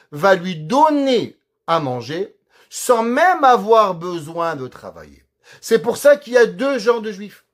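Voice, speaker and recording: A man, a rabbi, giving a recorded Torah lesson, explaining Hebrew words and verses step by step and asking rhetorical questions. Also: high-pitched. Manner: explains Hebrew terms and verses slowly, teacher-like; lively, rhetorical questions to the audience. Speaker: rabbi teaching a class.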